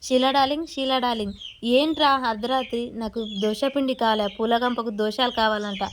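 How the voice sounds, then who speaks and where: A woman's voice: fairly high pitch, fairly even intonation, fairly quick, a little hiss or hum, lightly acted. A woman voicing a blunt young husband who blusters and rambles through excuses, in a retold TV serial scene. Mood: grumbling.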